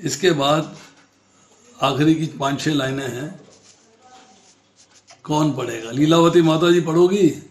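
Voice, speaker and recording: A man's voice: fairly high pitch, slow, pauses often, roomy sound. A man teaching a scripture class, explaining with simple examples, questioning his students and mixing English words into Hindi. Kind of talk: scripture lesson.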